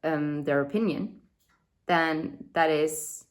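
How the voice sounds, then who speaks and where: Chatty low-voiced woman reading tarot. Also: takes it slowly. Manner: chatty and rambling, full of fillers and asides. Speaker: tarot reader. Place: indoor room by a window.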